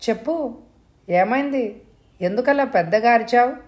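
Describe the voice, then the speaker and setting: A woman doing a worried grown man in a spoken thriller story, he keeps asking careful questions in an even voice, pitched a touch higher than her plain narration. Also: unhurried. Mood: questioning. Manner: steady, probing questions.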